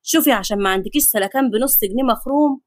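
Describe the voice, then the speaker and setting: A woman's voice: a little high, very fast, dry recording, lightly acted. A woman with an Egyptian accent voicing a grumpy, bossy old grandfather who scolds and teases his grandchildren in a comic storybook. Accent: Egyptian Arabic.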